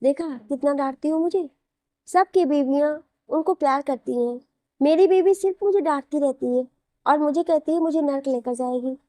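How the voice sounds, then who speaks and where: A woman's voice: high voice, moderate pace, warm tone, no echo, natural voice. A woman voicing a playful young husband who teases and whines like a child, in a read-aloud romance story. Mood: whining. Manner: childlike whining, pouty.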